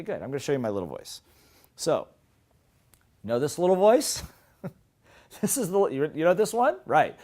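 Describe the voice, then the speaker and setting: A man's voice: on the high side, darkish tone. A middle-aged man giving a motivational seminar talk with lots of energy, asking his listeners rhetorical questions. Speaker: seminar presenter.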